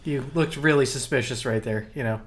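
A man's voice: medium pitch, a little fast, a little hiss or hum. A man giving sarcastic, joking commentary alongside a co-host while playing a video game. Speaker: let's play co-commentator. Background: game music.

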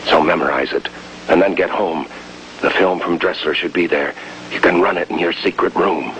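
An American actor playing a watchful undercover agent in a 1950s television crime drama, speaking in a clipped, grave way. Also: male voice, low voice, steady tone, moderate pace, fairly bright tone. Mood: grave, terse. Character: tense, watchful male undercover agent in his prime. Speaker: lead actor and voice-over narrator. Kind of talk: 1950s television crime drama acting and terse voice-over narration. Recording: muffled, noisy 1950s television film soundtrack.

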